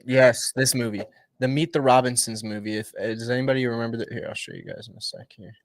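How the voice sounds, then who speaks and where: Young male stream host, mid-pitched, upbeat and rambling, dry close sound. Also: very animated, fast, gravelly, no room sound. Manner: rambling, upbeat, restarts often and shifts between hushed and loud. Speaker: livestream host. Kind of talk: casual motivational livestream talk.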